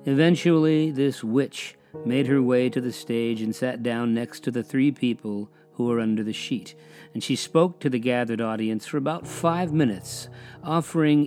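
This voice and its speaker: A man narrating a history story in a measured, dramatic way, with pauses, dropping to a hush on eerie details. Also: mid-range voice, faint music behind.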